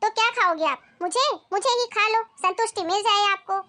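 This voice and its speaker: A woman's voice: extremely high pitch, normal speed, crowd noise. A woman playing a short-tempered, bossy daughter-in-law in a comedy family skit, scolding sharply and sarcastically. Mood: harsh.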